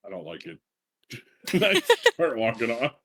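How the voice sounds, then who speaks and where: A man's voice: medium pitch, very animated, a little slow, bright, forceful tone. A man playing a tabletop game with casual banter.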